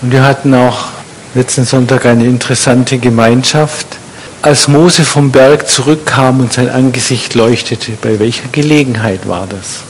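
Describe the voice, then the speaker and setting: A man's voice: mid-range voice, fairly even intonation, moderate pace, a little hiss or hum, poor audio. A man preaching a sermon in a conversational way, putting questions to his congregation.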